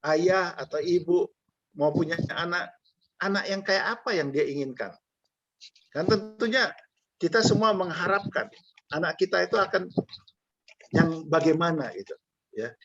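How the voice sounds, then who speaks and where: Conversational preacher, dull lo-fi sound. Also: male voice, high voice, animated, measured pace, long pauses, fairly bright tone, a little hiss or hum. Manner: conversational, jokey asides to the congregation. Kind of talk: sermon.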